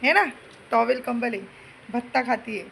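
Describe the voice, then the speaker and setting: A young woman talks to her daughter at home in a coaxing, playful way. Her voice sits high and bright, with some fry at the ends of phrases. It is a phone recording with a faint hiss underneath. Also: normal speed, low-quality recording. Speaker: mother filming her daughter. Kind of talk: casual home chat with a child. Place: home indoors.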